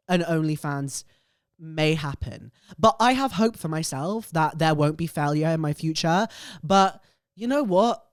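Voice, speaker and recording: A woman's voice: lowish voice, no echo, clean studio sound. A young woman hosting a casual, chatty show, gleefully gossiping and reacting emphatically, often repeating phrases for effect. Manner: gleefully gossipy, animated and opinionated. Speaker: show host.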